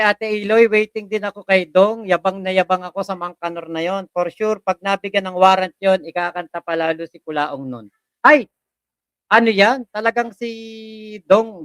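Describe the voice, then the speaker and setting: A chatty livestream host who reads out viewer comments, greets them one by one by name, and laughs often. The voice is bright and smooth. It sits very dry and close to the mic. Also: mid-range voice, normal speed, no room sound. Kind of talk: casual livestream chat.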